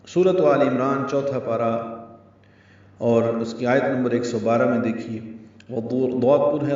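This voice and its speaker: A man's voice: mid-range voice, a little mellow. A man teaching the rules of Quran recitation step by step and chanting short examples between his explanations. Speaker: tajweed teacher. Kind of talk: tajweed lesson. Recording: echoey, distant, muffled recording.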